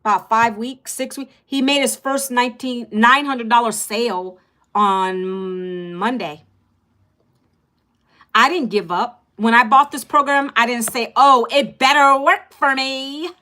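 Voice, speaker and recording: A middle-aged woman runs a casual livestream, pitching an online course directly to her viewers with energy and emphasis. Her delivery is unhurried, pushed and bright.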